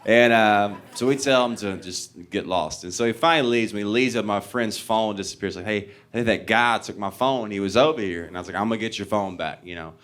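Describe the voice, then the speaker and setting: A man's voice: on the low side, fairly quick, hardly any pauses, fairly bright tone. A young man, a stand-up comedian telling a rambling, self-mocking story on stage and laughing through his lines. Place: comedy club stage before a live audience.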